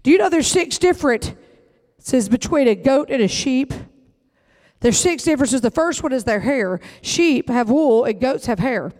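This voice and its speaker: Man preaching a fiery, folksy sermon in a very high voice. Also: lively intonation, measured pace, a little mellow. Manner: emphatic preaching, folksy Southern phrasing. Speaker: pastor.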